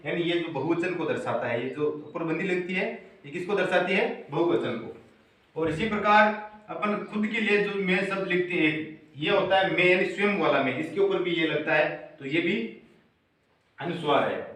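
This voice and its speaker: Male teacher, call-and-response lesson style, bright tone, distant echoey classroom recording. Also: sits high, moderate pace. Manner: call-and-response questioning, repeats answers. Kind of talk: classroom Hindi grammar lesson. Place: classroom with students. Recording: very echoey room, voice far from mic.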